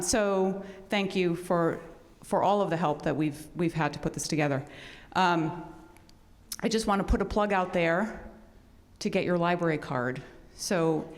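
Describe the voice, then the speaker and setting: A woman giving an informal welcome and introduction as host of a live event, chatty and halting, with improvised asides. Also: lowish voice. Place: large indoor event space. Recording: reverberant hall sound.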